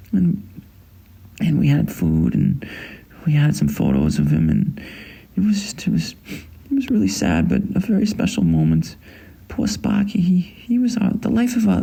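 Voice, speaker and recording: Man acting grieving man, halting and husky. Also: high voice, dark tone, heavily acted, poor audio. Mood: wistful, grateful. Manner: halting, plaintive. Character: grieving, tender man mourning a lost pet. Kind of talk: acted monologue.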